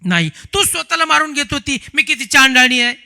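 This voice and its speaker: A woman's voice: high voice, lively intonation, brisk, pushed and bright, pitched above the performer's own voice, heavily acted. A man voicing a poor village wife who laments and scolds herself in a sobbing way. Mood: reproachful. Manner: sobbing, self-reproaching lament. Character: poor village wife wailing over lost gold.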